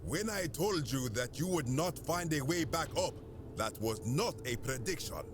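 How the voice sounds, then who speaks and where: An actor playing a stern, menacing religious zealot of the underworld in a video game, speaking solemnly and theatrically. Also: male voice, on the high side, animated, measured pace, background noise. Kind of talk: dramatic video game dialogue.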